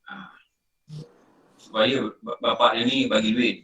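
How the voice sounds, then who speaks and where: A man's voice: lowish voice, flat delivery, unhurried, bright, forceful tone. A middle-aged man with a Malaysian Malay accent, giving an informal religious lecture and telling stories with many repetitions. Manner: conversational, storytelling with repetition. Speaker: religious teacher. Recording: roomy sound, distant from mic.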